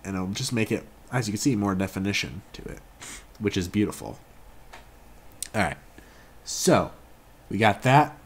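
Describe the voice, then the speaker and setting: A young man with a deep, lively voice walks through a software tutorial in an easy, joking way, correcting himself as he goes. There is a faint hiss of noise behind him. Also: normal speed, creaky, long pauses. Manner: laid-back, jokey, self-correcting, talks while working. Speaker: tutorial host. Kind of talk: casual screen-recorded software tutorial.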